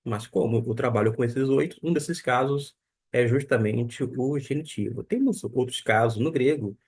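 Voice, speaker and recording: A man teaching a beginner lesson on Koine Greek, slowly spelling out each pronunciation. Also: mid-range voice, darkish tone, breathy edge. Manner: slow and deliberate, spelling out pronunciations.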